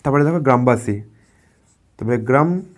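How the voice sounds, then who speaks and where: A man's voice: mid-range voice, lively intonation. Male teacher from West Bengal, patient classroom explainer who repeats words and drills syllables. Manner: patient, repeats words and asks students questions; drawn-out syllable-by-syllable pronunciation. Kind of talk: grammar lesson.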